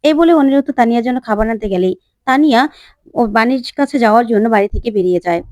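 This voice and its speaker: A woman narrating a retelling of a TV serial episode in a plain, steady storytelling manner. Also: fairly high pitch, very fast, no echo, studio quality.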